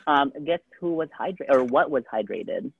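A man's voice: medium pitch, lively intonation, normal speed, vocal fry, breathy edge. A man co-hosting a podcast in casual chat, rambling with lots of "like" and "um" fillers. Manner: rambling, heavy use of "like" and "um". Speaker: podcast co-host. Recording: tinny phone-like dry sound.

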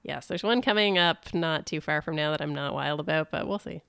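Smooth low-voiced woman, dry close sound. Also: brisk, a bit bright, dry recording. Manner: laughs often, upbeat recapping. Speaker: podcast co-host. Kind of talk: casual chat.

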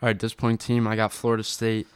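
A man co-hosting a casual sports podcast, giving his picks in relaxed conversation. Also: fairly low pitch, very fast, smooth, no room sound, studio quality. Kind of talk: casual sports preview chat.

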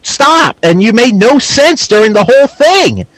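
A man's voice: extremely high pitch, sing-song, normal speed, no echo. A man co-hosting a podcast, giving blunt opinions in casual wrestling chat. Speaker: podcast co-host.

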